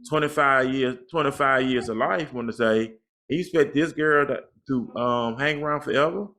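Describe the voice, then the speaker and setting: A man's voice: mid-range voice, normal speed, sharp tone. A man in a casual podcast conversation, talking preachily and giving life advice, repeating "man" often.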